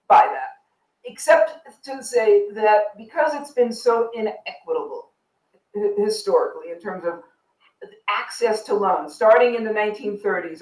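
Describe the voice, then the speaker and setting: A guest expert on a live discussion show, explaining in a wry way and checking in with frequent "right?" asides. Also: mid-range voice. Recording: roomy sound from a distance.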